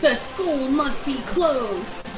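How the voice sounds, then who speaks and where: A woman reading the lines of a stern old male wizard official in a comedic read-aloud, flat and matter-of-fact. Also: high voice, drawn-out words, over music, full character voice.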